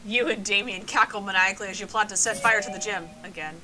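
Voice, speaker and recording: A woman's voice: mid-range voice, steady tone, fast, pushed and bright. A woman streamer reading game text aloud in a playful, giggly way. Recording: noisy stream audio.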